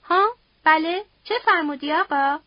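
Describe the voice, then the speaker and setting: A woman's voice: high voice, no room sound, close to an everyday voice. A woman voicing a frightened, humble mother begging for mercy in a story reading, recorded dry and dull. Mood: pleading desperate. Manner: pleading, submissive, tearful.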